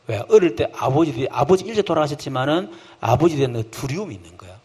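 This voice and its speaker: Male pastor, folksy sermon delivery, husky tone with a high, lively pitch. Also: fast talker. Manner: lively, folksy preaching with rhetorical questions; acts out quoted voices of believers and children. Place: church camp hall.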